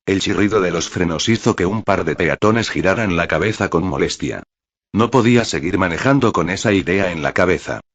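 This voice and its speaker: A man narrating a story in the first person, in a steady, dramatic way. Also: sits low, a little fast, slightly rough, lo-fi sound.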